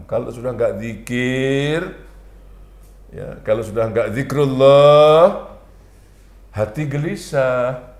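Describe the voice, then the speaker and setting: A man's voice: medium pitch, a little mellow. A middle-aged man with a Lampung Indonesian accent giving a sermon, drawing out his words for emphasis and chanting Quranic verses. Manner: drawn-out emphatic phrasing, Quranic recitation in a chanting tone. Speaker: pesantren leader preaching to parents. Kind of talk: monthly Islamic study sermon. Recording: echoey room.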